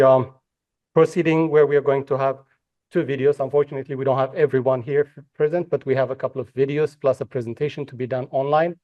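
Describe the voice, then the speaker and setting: In a conference hall, an Ethiopian man moderates a panel, hesitating and filling his speech with fillers and restarts. His voice is mid-range with a dark tone.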